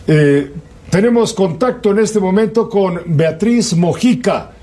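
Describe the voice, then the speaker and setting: A man's voice: high-pitched, expressive, unhurried, warm tone. A man hosting a news program, introducing a guest and asking pointed, needling questions. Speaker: radio news host. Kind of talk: interviewing a guest.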